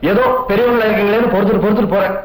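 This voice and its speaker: A man's voice: high voice, fairly even intonation, a little mellow, echoey room, lightly acted, low-quality recording. An actor playing a glib, teasing young man who co-owns a petrol bunk, in film dialogue. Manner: teasing, glib, quick-talking. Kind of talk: 1980s Tamil film dialogue.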